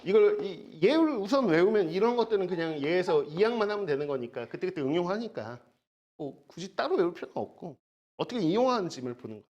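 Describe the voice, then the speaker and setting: An animated math teacher whose pitch swings widely while walking through formulas in a recorded lecture. The delivery is chatty and repetitive, with frequent checks like a quick "got it?" and playful side stories. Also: muffled recording. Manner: chatty, repeats key words, jokey asides; asks learners to check understanding.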